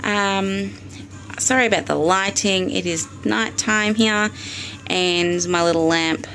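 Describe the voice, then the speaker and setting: A woman's voice: medium pitch, slow pace, fairly bright tone, slight background noise. An Australian woman filmed on a phone video in her bedroom at night, chatting through a step-by-step DIY craft tutorial with frequent ums. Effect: recorded on a phone video. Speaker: vlogger. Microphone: phone camera.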